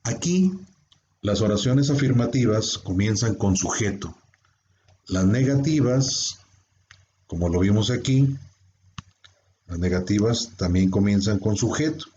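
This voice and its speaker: Low, dark-voiced male teacher. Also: lively intonation, a little slow, long pauses, slight background noise. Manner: explains step by step with rhetorical questions. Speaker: English teacher. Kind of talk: classroom grammar lesson. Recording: dull lo-fi sound.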